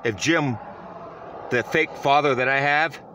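A man's voice: mid-range voice, unhurried, sharp tone, a little hiss or hum. A man giving a self-recorded vlog monologue, earnest and rambling, often restarting his sentences. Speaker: vlogger.

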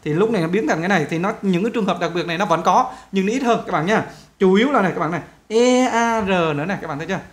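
A male English teacher with a high voice gives a pronunciation lesson, saying example words slowly and stretching out the vowels.

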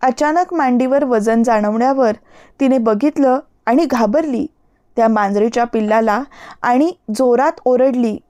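A steady woman narrating a story. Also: a little high, measured pace, no room sound, muffled recording. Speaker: audiobook narrator.

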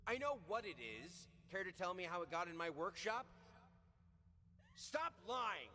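A man's voice: high voice, animated, a little slow, sharp tone, heavily acted. An actor playing an angry man in a video game who demands explanations about something found in his workshop. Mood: accusing. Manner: accusing, demanding. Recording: long hall reverb with clear background noise.

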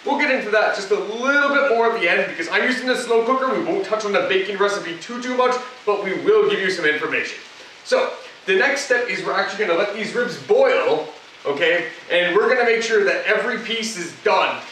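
Animated and brisk, a man with a high voice hosts a relaxed home cooking demo, narrating every step with playful asides. His tone is bright and forceful. Recorded from across an echoey indoor kitchen on a camera mic, the audio carries slight hiss or hum.

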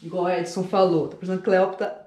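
A woman's voice: on the low side, level tone, fast talker, mellow. Giggly woman vlogging in an echoey room. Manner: chatty and giggly, often addressing viewers. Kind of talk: casual vlog talk to camera. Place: barbershop, then home. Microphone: phone camera held by others. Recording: echoey room, faint background noise.

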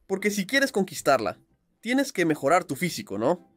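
A man narrating and voicing the lead of a dubbed game cartoon, animated and often exasperated. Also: high voice, normal speed, dry recording.

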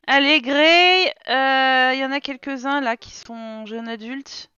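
A woman with a high, smooth voice gives casual let's-play commentary, scolding her game characters with exasperation. It is recorded close and dry on a slightly dull mic. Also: steady tone, slow, bright, forceful tone, no echo. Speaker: gaming streamer.

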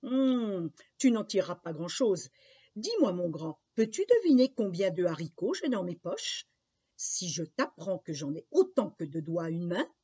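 A woman voicing a strange, sly old man who calls himself a magician, in a coaxing, drawn-out voice. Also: on the low side, sing-song, mellow, breathy edge, full character voice. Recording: dull lo-fi recording.

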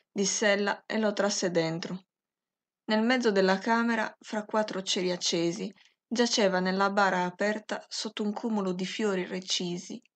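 Female audiobook narrator, measured literary reading, gravelly fry, mid pitch.

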